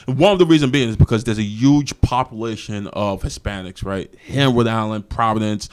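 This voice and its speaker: A man in his thirties with a fairly low voice hosts an interview podcast from a small studio. He keeps affirming his guest and puts plain, direct questions into a desk microphone. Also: fairly quick, slight background noise. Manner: affirming, many backchannels, asks questions. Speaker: podcast host. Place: small studio with wood-panel wall. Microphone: desk mic on stand.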